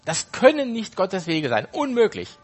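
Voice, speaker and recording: A man's voice: high-pitched, wildly swooping pitch, moderate pace, soft background music, pitched above the performer's own voice, heavily acted. A man quoting a pious hermit protesting in disbelief in a parable he is retelling. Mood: distraught.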